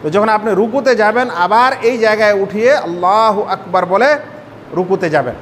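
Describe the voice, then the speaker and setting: High-voiced man teaching in a reverberant hall. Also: moderate pace, fairly bright tone. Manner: explains step by step, asks the audience rhetorical questions. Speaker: Islamic scholar teaching prayer. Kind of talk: sermon-style religious lesson. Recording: hall reverb, faint rumble.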